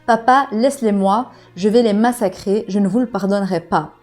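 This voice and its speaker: A woman reading aloud the lines of a vengeful young princess from a comic, quickly and in her own voice. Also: medium pitch, a little mellow, lightly acted.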